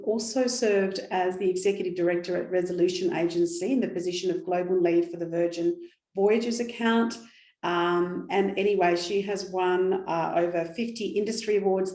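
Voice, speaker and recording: A woman's voice: fairly low pitch, a little mellow. A woman hosting a podcast interview, eager and chatty, with some "um"s as she reads a guest's introduction. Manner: enthusiastic, reads guest bio with fillers. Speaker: podcast host. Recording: roomy echo with faint music.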